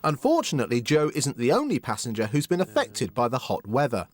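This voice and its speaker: A man's voice: medium pitch, huge pitch swings, a little fast. A man narrating a reality show in a wry, scripted way.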